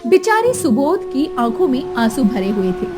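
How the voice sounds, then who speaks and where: In a high, lively voice at normal speed, a woman delivers dramatic scripted narration of a cartoon story, with music clearly audible behind her.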